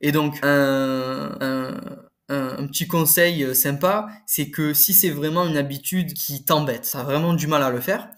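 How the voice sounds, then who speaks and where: A man's voice: fairly high pitch, unhurried, a bit bright. A young man from France giving casual, informal study advice straight to the viewer, full of fillers and restarts. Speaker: prep-school study coach. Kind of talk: casual advice talk to camera.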